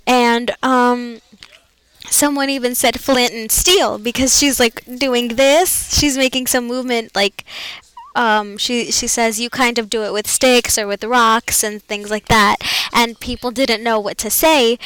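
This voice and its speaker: A woman's voice: on the high side, fairly bright tone, clear, resonant tone, poor audio. A teenage girl co-hosting a podcast, telling a school story casually with fillers and small laughs. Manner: rambling, with fillers and little laughs. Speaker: co-host.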